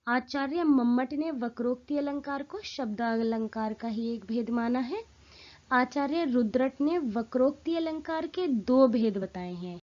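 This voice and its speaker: A woman teaching a Hindi grammar lesson in a clear, explanatory way, stressing her example lines. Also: a little high, lo-fi sound.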